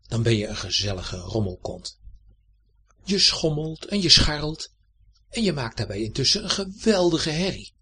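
Male storyteller reading a children's tale, unhurried and very breathy. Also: medium pitch. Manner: gentle, playful storytelling.

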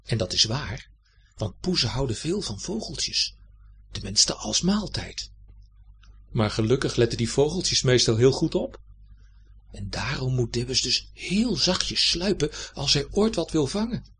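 A man reading a children's story aloud in a gentle, playful storytelling manner. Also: mid-range voice, big pitch swings, unhurried, slight background noise.

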